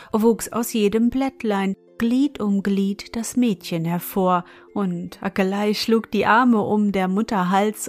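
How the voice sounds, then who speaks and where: A calm woman reads a bedtime fairy tale in a soothing, gentle voice. She takes her time over every phrase, with a mid-range tone. Soft music plays faintly underneath. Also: medium pitch. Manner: calm, soothing, softly whispered at times. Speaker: bedtime story narrator. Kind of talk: bedtime story reading.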